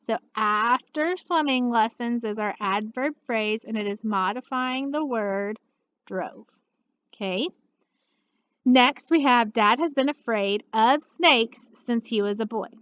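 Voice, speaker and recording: A woman teacher walking students through a recorded grammar lesson, patient and steady, checking in often with "okay.". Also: fairly high pitch, slow pace, clean tone, lo-fi sound. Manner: patient, steady, uses many "okay" and "all right" check-ins. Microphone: computer mic.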